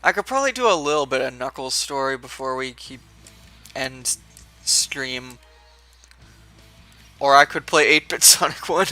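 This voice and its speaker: A man's voice: medium pitch, lively intonation, a little slow, long pauses, pushed and bright, faint music behind. A young man casually commenting while streaming a video game, rambling with fillers and restarts.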